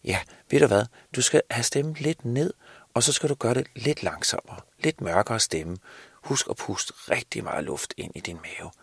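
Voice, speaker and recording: Storybook Santa, old and kindly, encouraging coach, booming and husky, put on by a man. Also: expressive, no room sound.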